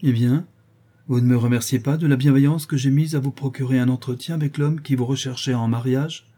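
A man's voice: medium pitch, fairly even intonation, brisk, warm tone, husky, voice pushed up, natural voice. A man voicing a proud, formal aristocratic countess in a read-aloud novel. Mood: cool.

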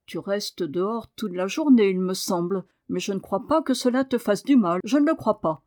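A woman voicing a kindly, puzzled male doctor in an audiobook, gentle and reassuring. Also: mid-range voice, normal speed, lightly acted. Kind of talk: audiobook reading.

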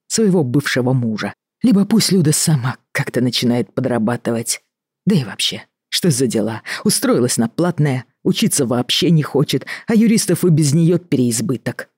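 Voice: medium pitch, a little mellow, breathy edge, no room sound, clean studio sound. Reader voicing a weary, bitter man. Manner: tired, reproachful, measured. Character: weary middle-aged male doctor, fed up and bitter. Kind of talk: audiobook reading.

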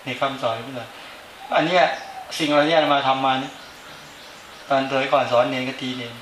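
A man's voice: mid-range voice, a little fast, fairly bright tone, a little hiss or hum. A male Buddhist monk giving an informal dharma talk, speaking conversationally and often asking the listeners to agree with him. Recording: roomy echo with faint ambience.

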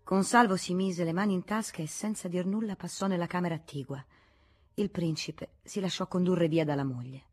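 A woman narrating a classic novel as an audiobook in a measured, expressive reading. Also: on the low side. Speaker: audiobook reader.

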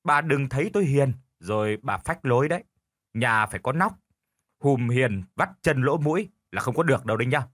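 A man's voice: medium pitch, expressive, brisk, a bit bright, no echo. Man doing a stubborn, lazy old village husband. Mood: stubborn bickering. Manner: stubborn, quarrelsome.

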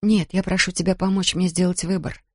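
A woman's voice: fairly low pitch, little pitch movement, a little fast, dry recording, clean studio sound, close to an everyday voice. A reader voicing a tired, anxious mother, a doctor, who pleads with her son. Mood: pleading weary.

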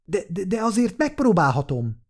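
A man's voice: sits high, lively intonation, darkish tone, voice pushed up. A man reading an audiobook who voices a young, defiant, scheming nephew that stammers when cornered. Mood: stammering.

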